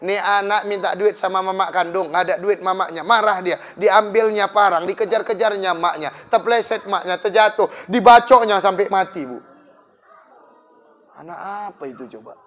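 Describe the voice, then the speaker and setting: A fairly high-voiced male preacher delivers a storytelling sermon. He talks straight to the crowd, his voice rising loud and then dropping to a hush. The recording sounds dull and lo-fi. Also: moderate pace, few pauses. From Indonesia. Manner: lively, swings from loud to hushed, addresses the crowd.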